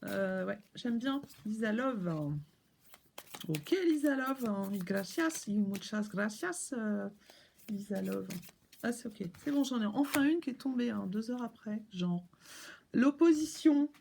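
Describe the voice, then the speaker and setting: A woman's voice: mid-range voice, animated, measured pace, vocal fry, a little mellow, slight background noise. A woman doing a casual tarot reading at home, chatting playfully and speaking straight to her viewers. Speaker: tarot reader.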